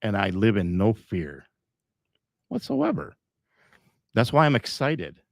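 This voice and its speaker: Rambling middle-aged man, low dry voice. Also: big pitch swings, moderate pace, dry recording. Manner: rambling and emphatic, with frequent laughs. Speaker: podcast host. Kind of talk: live podcast commentary.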